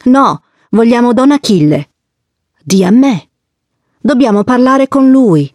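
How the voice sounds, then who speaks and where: A woman's voice: a little high, animated, slow, darkish tone, no echo, clean studio sound, voice pushed up. Reader doing a bold young girl, Lila. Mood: insistent. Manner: firm, insistent.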